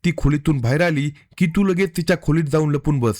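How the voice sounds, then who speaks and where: A man reading the part of a worried, suspicious young man in a narrated story, in an earnest, steady voice. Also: on the high side, a little fast, no echo, studio quality, natural voice.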